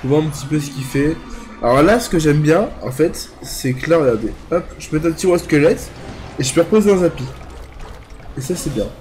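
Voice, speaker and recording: A young man with a cold, talking nasally through congestion, gives casual, think-aloud commentary on his own mobile gameplay as a gaming YouTuber. His slightly high, slightly mellow voice is expressive and fairly quick, with faint music behind him.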